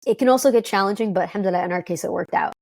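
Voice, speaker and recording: A woman from Detroit, talking as an interview guest in an upbeat, quick way with many fillers and restarts. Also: mid-range voice, gravelly, a little mellow, dry recording. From Detroit, United States. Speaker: guest, company co-founder. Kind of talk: conversational interview.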